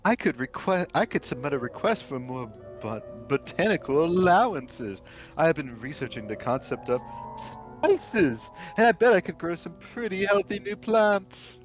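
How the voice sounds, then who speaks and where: A man's voice: on the high side, expressive, normal speed, soft background music, pitched above the performer's own voice, natural voice. A man reading aloud the lines of a helpful, studious caretaker, earnest and a little bumbling. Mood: eager.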